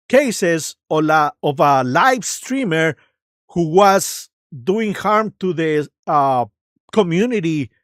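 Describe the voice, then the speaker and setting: A livestream host giving casual, improvised commentary in a halting, searching way, with a mocking, sarcastic and combative manner. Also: mid-range voice, dry recording, studio quality.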